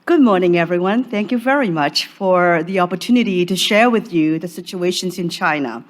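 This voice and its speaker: A woman from Hong Kong presenting an academic paper at a conference in a measured, formal way. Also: on the low side. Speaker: conference speaker. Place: conference session room.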